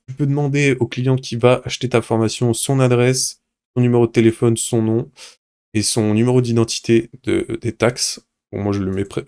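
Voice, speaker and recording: Chatty man hosting a software tutorial. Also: medium pitch. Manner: chatty, addresses viewer informally, with filler sounds like hop and tac. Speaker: tutorial host. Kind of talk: casual screen-recorded software tutorial.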